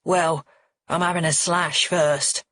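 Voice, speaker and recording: A woman's voice: low voice, level tone, slow pace, fairly bright tone, full character voice. A woman voicing a crude, menacing middle-aged father who sneers and needles everyone at the table. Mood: taunting.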